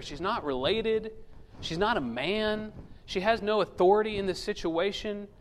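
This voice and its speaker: High-voiced pastor in a reverberant hall. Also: male voice. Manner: storytelling with humor, acting out quoted voices. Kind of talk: sermon. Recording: long reverb of a large hall.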